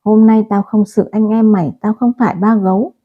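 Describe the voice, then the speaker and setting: A woman's voice: mid-range voice, level tone, brisk, natural voice. A woman voicing a crude thug loan shark. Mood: menacing. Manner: crude, abusive threats. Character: brutal male loan-shark gang boss, threatening. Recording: tinny phone-like audio.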